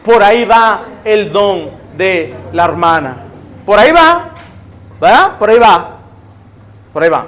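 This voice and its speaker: A man's voice: high voice, expressive, a little slow, fairly bright tone. A male pastor with a Nicaraguan accent preaching conversationally, acting out little scenes. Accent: Nicaraguan Spanish. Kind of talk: sermon.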